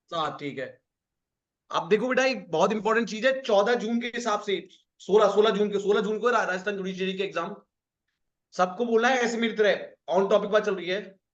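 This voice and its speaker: A man's voice: high-pitched, normal speed, highs cut off. A man teaching an online class, coaxing students, repeating each point and calling on them by name.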